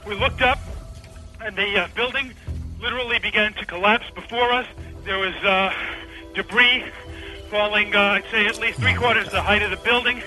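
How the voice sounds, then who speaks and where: A man's voice: high-pitched, steady tone, moderate pace, pushed and bright, rough recording. A man reporting live from the scene of a disaster, out of breath and shaken. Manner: urgent, shaken. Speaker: field reporter. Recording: archive news broadcast with faint music.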